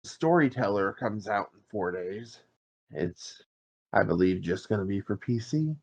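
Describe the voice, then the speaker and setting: A man's voice: lowish voice, lively intonation, measured pace, creaky. A man co-hosting a gaming podcast, chatting casually and running through news in a matter-of-fact way. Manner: matter-of-fact, lists release dates. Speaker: podcast co-host. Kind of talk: casual chat.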